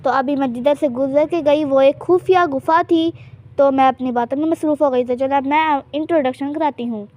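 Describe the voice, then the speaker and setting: With a high-pitched, darkish voice at a normal speed, this woman hosts a gameplay channel and casually voices a life-sim game in character. She banters and teases, regularly dropping hints about secrets she keeps to herself.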